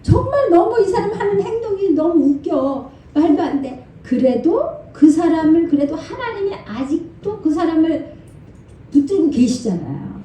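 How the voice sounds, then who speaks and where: An older woman pastor preaches with a high, swooping voice that has a mellow, darker tone. She talks to the congregation in a conversational way and acts out people's thoughts. She is picked up from far off in a church hall with heavy echo. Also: moderate pace, a little hiss or hum. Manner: lively, conversational preaching with frequent laughter; acts out inner thoughts and quoted speech. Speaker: senior pastor. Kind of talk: Friday night sermon. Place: church sanctuary.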